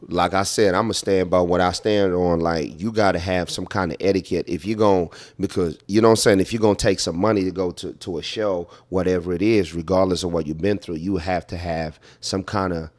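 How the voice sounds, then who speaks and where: A laid-back man from Zimbabwe co-hosting a casual podcast, with a fairly low voice. He talks in loose, repetitive runs full of fillers. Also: fairly even intonation, brisk, few pauses. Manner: laid-back, repeats himself, many fillers. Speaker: podcast co-host.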